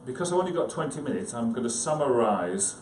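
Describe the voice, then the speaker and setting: A psychiatrist speaks quickly and expressively at a conference, his medium-pitched voice carrying a slightly mellow quality. His informal delivery is hesitant and self-deprecating, full of chatty asides to listeners. The indoor room is echoey, with a clearly noisy background.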